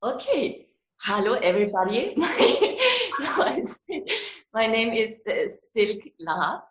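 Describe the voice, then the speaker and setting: A German psychologist and relationship coach, speaking with a German accent, answers interview questions as a guest in a high-ish voice at a slow pace. She is animated, laughs between phrases and repeats words as she restarts, on a roomy, dull lo-fi recording.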